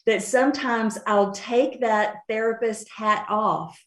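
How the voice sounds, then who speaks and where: A woman's voice: on the high side, steady tone, takes it slowly. Appalachian-accented woman in an echoey room. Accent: Appalachian, Western North Carolina. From Western North Carolina mountains, USA. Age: middle-aged. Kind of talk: conversational interview answers. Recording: roomy, echoing sound.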